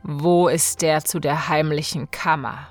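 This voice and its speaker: A woman's voice: deep voice, fairly even intonation, a little slow, no echo, faint music behind, pitched below the performer's own voice. A woman voicing a cruel, murderous husband who speaks in a cold, commanding, wrathful way. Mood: menacing.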